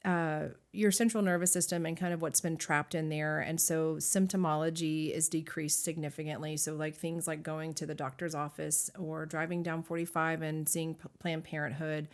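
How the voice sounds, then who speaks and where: A woman with a fairly low voice tells her story as a guest in a faith interview. She speaks earnestly and haltingly, restarting her sentences often and leaning on fillers as she works through painful memories. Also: little pitch movement. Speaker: guest sharing her testimony.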